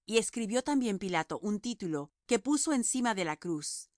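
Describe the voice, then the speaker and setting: A woman narrating a scripture audiobook in a measured, solemn reading. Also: medium pitch, animated, no room sound, studio quality.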